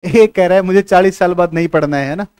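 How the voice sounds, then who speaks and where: A man's voice: high voice, fast talker, a little mellow, smooth, no echo, clean studio sound. A man teaching a classroom lecture, who keeps asking whether the students have understood and scolds them now and then.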